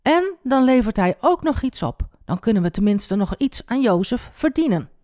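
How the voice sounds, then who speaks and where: A woman's voice: a little high, sing-song, moderate pace, darkish tone, no room sound, studio quality, voice pushed up. A woman voicing scheming young brothers who talk slyly and mockingly, in a children's Bible story. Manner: sly, mocking.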